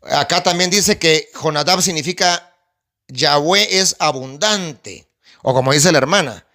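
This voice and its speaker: Here the pastor from Guatemala sounds fairly high and unhurried, captured cleanly in a studio without echo. Emphatic yet conversational, he teaches from the sermon, calls his listeners brother and sister, and animatedly requests the audience's help.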